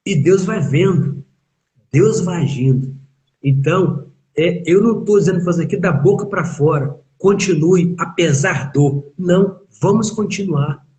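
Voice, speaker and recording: Man, Brazilian Portuguese accent, pastor, emphatic sermon, rhetorical questions, higher-pitched. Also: measured pace, mellow. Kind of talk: sermon in a live online chat.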